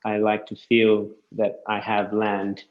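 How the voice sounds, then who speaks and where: A man who works as a land surveyor, chatting casually and explaining things step by step with quick self-corrections. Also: on the low side, completely flat delivery, roomy sound, dull audio. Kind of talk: casual podcast chat.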